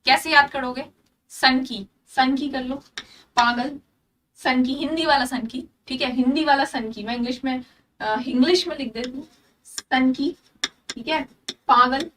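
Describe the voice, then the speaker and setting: High, bright-voiced woman teacher drilling vocabulary. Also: a little slow, pauses often, distant mic. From India. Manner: repeats words drill-style, keeps asking "clear?"; explains through memory tricks and little stories. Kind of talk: online exam-prep lesson.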